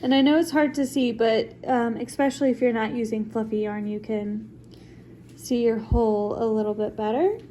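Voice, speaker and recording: Still congested from being ill, a young woman casually demonstrates crochet step by step from her home table, leaning heavily on "like" and "um." Her voice is on the high side and dark, with fairly even intonation and normal speed. A faint hiss or hum runs underneath.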